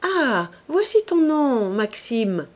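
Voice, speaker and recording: A woman's voice: mid-range voice, expressive, slow pace, darkish tone. A woman reading the part of a teasing, restless young society woman in an audiobook, in a lilting voice. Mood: playful.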